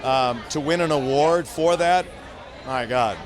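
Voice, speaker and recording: A man's voice: a little high, unhurried. A male actor talking in a red carpet interview. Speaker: stage actor. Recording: busy outdoor crowd noise.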